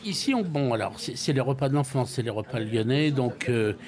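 A man's voice: mid-range voice, animated, brisk, darkish tone. An older man from France, a restaurant owner, telling stories in an interview with many restarts and repeated words. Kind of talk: interview, casual storytelling.

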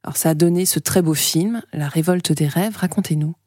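A woman hosts the interview in a low, mellow voice. She asks measured, prompting questions. The sound is dry and close, with no room tone. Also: dry recording. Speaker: interviewer host.

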